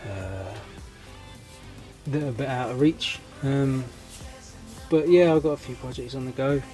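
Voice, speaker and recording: Faint music sits behind a man whose voice is mid-range, dark-toned, and unhurried. Congested with a cold and losing his voice, he rambles through a hesitant update on his scale model hobby channel, full of ums and restarts.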